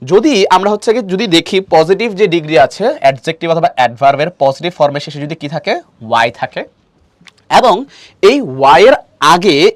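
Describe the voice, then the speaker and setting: A man leads a recorded prep lecture in a voice that sits slightly high for a man. He walks through each point patiently, poses questions and answers them, and repeats his stock filler phrases. The sound is dry and close, with no room echo. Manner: explanatory, asks and answers his own questions; leans on stock fillers and repetition. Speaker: teacher. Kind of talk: online admission-prep lecture.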